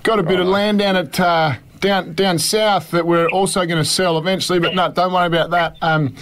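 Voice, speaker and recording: A high-pitched Australian country farmer, played by a man for a radio prank, friendly and matey. He talks in a laconic, halting drawl over a phone call. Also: steady tone, a bit bright. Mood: matey, hesitant.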